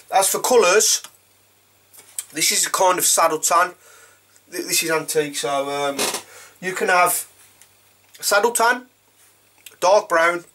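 A leathersmith talks in an easygoing, rambling way. His voice sits a touch higher than most men's, and his chatty, informal manner suits a casual message to a customer recorded in his home workshop. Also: a bit bright.

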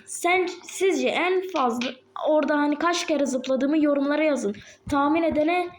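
A woman with a slightly sore throat, chatting excitedly to viewers while playing a game on a tablet. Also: high-pitched, unhurried, noisy background. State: sore throat, a bit ill. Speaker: gaming channel host. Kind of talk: casual gameplay commentary. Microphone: tablet microphone.

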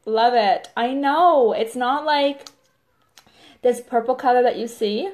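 A woman's voice: on the high side, a little mellow. A woman hosting a casual live makeup demo, chatty and filling her talk with "like" and "totally". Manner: chatty, says "totally" and "like" often.

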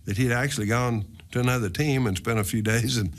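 An older man, a former teammate, casually recalling events in an interview with some hesitation. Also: medium pitch. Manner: casual, a bit halting. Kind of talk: relaxed interview recollection.

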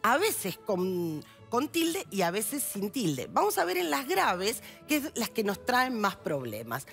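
A woman's voice: a little high, huge pitch swings, takes it slowly, gravelly, fairly bright tone, soft background music. A woman with an Argentine accent explaining spelling rules on a TV news show in a patient, teacherly way. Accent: Argentine Spanish. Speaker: language columnist. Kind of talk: explanatory TV segment.

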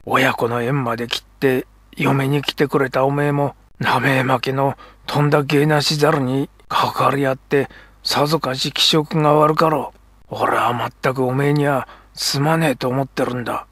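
A man voicing a proud but struggling middle-aged kabuki actor who talks in a rough, earnest Edo dialect. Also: medium pitch, fairly even intonation, normal speed, a bit bright, no echo. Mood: brooding.

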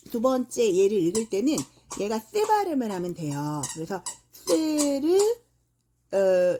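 A middle-aged woman gives an English pronunciation lesson at an unhurried, patient pace, stretching out each example word. Her pitch rises and falls in a lively way. Her voice is dark and slightly husky. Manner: slow, patient explaining with fillers and drawn-out example words. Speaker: English teacher.

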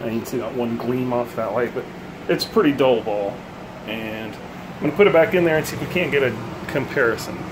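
A bowling vlogger in his thirties talks fairly quickly at medium pitch while casually showing a homemade gadget in his kitchen. He thinks aloud with frequent ums and uhs, and the phone he holds at arm's length captures a noisy background.

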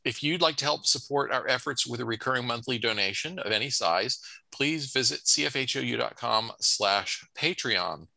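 A man's voice: medium pitch, animated, moderate pace, gravelly, pushed and bright, dry recording, rough recording. A man co-hosting a webcast, reading out announcements and listener notes with dry humor. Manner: reads comments and plugs with dry humor. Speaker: co-host.

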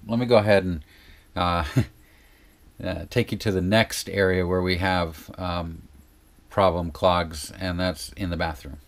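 Male DIY vlogger, low voice, unscripted and rambling, hesitant explanations, recorded inside a small RV trailer. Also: steady tone, a little slow. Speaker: vlog host giving RV upkeep tips. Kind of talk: casual unscripted how-to talk. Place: small RV interior.

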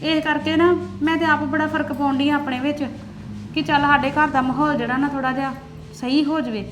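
A woman's voice: high voice, fairly even intonation, a little fast, close to an everyday voice. A woman playing a caring elder sister-in-law in a family drama, reassuring and gossipy. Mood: calm. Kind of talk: Punjabi family drama acting.

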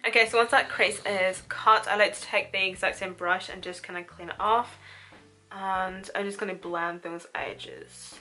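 A woman's voice: medium pitch, moderate pace, faint music behind, low-quality recording. A woman chats informally and animatedly through a casual makeup tutorial. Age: 20s. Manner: informal, chatty, animated storytelling. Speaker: beauty vlogger. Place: small room at home, indoors.

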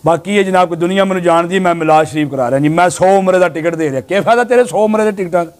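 A male preacher giving a sermon to a gathering, telling stories animatedly and swinging between loud exhortation and low, hushed asides. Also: rapid-fire.

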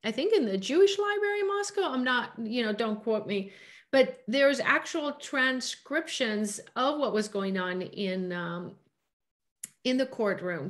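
A middle-aged woman from Greece, a director and producer, chatting casually in a Zoom Q&A with lots of fillers and quick bursts of speech. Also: mid-range voice. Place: home room. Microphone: laptop webcam on a video call.

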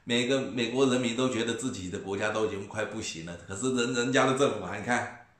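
A man's voice: medium pitch, quick pace, a bit bright. A middle-aged man ranting in a casual vlog, mocking and scornful, repeating himself and chuckling. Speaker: vlogger commentator. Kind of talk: casual rant to camera. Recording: echoey room.

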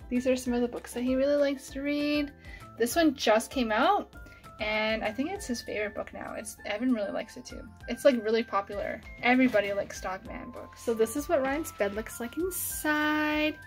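A Canadian woman in her thirties gives a casual house tour indoors, filming on a handheld phone held at arm's length. She's chatty and easygoing, using lots of fillers like "like", and her voice is fairly high at a normal speed, with soft background music.

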